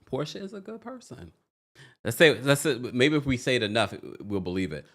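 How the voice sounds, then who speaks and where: Very animated and fairly quick, a man with a medium-pitched, fairly bright voice runs a livestream recapping reality TV. The commentary is casual and gossipy, full of playful teasing, exclamations and repeated phrases for emphasis.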